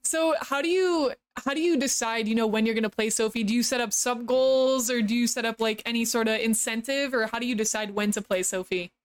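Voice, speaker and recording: Brief: woman podcast host, high and bright-voiced, gushing and eager, easy casual chat. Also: brisk, hardly any pauses. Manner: gushing and enthusiastic.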